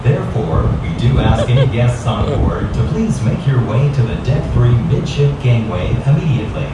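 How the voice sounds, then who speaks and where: A man making a formal final-call announcement over a cruise ship's intercom, speaking in a measured, clearly enunciated way. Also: medium pitch, animated, very noisy. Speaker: ship announcer. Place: aboard a cruise ship, heard through a loudspeaker. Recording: echoey loudspeaker heard from far off.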